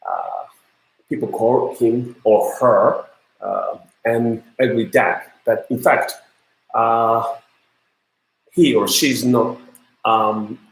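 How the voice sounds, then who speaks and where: A man with a Japanese accent lectures slowly to his students, pausing often and restarting his sentences. His voice sits at a middle pitch, and it rings in a noticeably echoey room. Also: creaky. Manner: hesitant, many fillers and restarts. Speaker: university lecturer. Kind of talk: online lecture.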